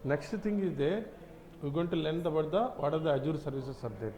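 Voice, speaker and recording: A man's voice: a little high, dark tone, poor audio. Man teaching a live online class. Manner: repetitive, halting explanations. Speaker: cloud computing instructor. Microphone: computer mic on a video call.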